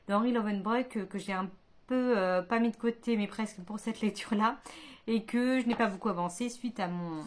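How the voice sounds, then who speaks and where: Book vlogger, woman, mid-range voice, rambling and halting, chatty home recording. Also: medium pitch. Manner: hesitant, many fillers and restarts; chatty, thinking aloud. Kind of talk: casual chat.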